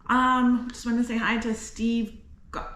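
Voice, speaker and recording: A woman chatting casually in short, low-key replies, in an empty apartment that echoes like a stairwell. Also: level tone, unhurried. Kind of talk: casual chat. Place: almost empty apartment, indoors. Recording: echoey bare room, faint noise, quieter than host.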